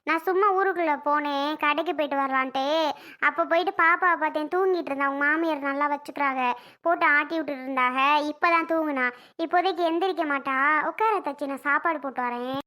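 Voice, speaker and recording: High, bright-voiced woman coaxing kindly. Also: fast. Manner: coaxing, consoling. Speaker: family drama actor. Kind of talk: village family drama.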